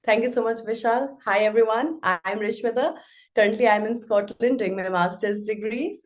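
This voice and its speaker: A woman's voice: on the high side, moderate pace. Thoughtful woman. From Nepal. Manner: thoughtful, talks with frequent fillers and restarts. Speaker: podcast guest. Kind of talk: casual interview conversation.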